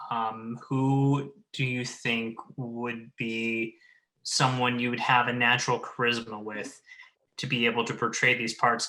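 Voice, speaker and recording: A man with a medium-pitched, pushed, bright voice, caught on a low-quality recording, chats casually and earnestly on a retrospective panel. He's the director, writer and producer of an audio drama, looking back on the project.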